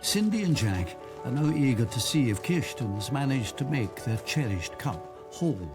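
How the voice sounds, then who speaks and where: A man's voice: mid-range voice, sing-song, moderate pace. A man narrating a television program in a scripted, storytelling delivery. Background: music.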